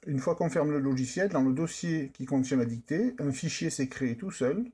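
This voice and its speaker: A man presents a software tutorial step by step. His voice is dark and relaxed, with some huskiness. The delivery is plain and explanatory. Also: a little high, normal speed, husky. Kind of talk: step-by-step screen demonstration narration.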